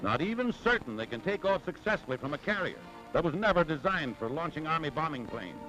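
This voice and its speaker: A man's voice: fairly high pitch, sing-song, a little fast, rough recording. Dramatic man narrating an old newsreel. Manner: dramatic, emphatic announcing. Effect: old newsreel narration over music. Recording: vintage newsreel soundtrack with loud music.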